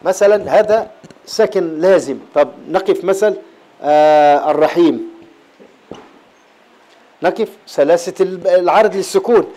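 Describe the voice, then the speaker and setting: This Egyptian Arabic-accented man has a high, mellow voice as he leads a classroom lesson on Quran recitation. He patiently walks through the material, says important terms more than once, and now and then chants verses slowly.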